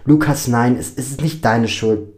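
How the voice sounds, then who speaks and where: A man voicing a heated teenage boy who insists loudly and demands answers. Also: mid-range voice, normal speed, lightly acted. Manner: loud, insistent.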